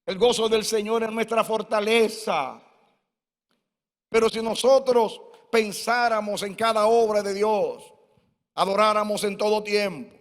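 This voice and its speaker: A man's voice: sits high, steady tone, measured pace. A man in his sixties, a pastor giving a fervent sermon full of personal testimony in a church hall. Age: 60s. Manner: fervent, personal storytelling preaching. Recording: long church-hall reverb.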